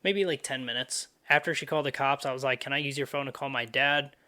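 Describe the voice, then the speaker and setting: A man's voice: mid-range voice, fairly even intonation, fast talker, sharp tone. A young man hosting a podcast, telling a story in a loose, profane, casual way full of fillers. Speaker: podcast host.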